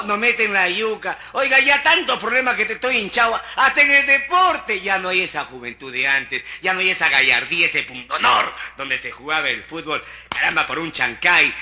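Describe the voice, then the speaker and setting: Peruvian comic guy, high piercing voice, loud n rowdy, teasing the crowd. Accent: Peruvian Spanish. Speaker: stand-up comic. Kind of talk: street comedy monologue.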